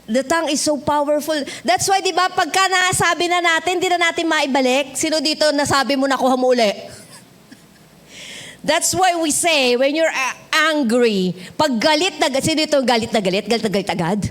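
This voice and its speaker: Filipino woman pastor, high voice, chatty sermon with jokes for the congregation. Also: moderate pace, a bit bright. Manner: conversational, switching between Tagalog and English, joking with the congregation. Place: church sanctuary.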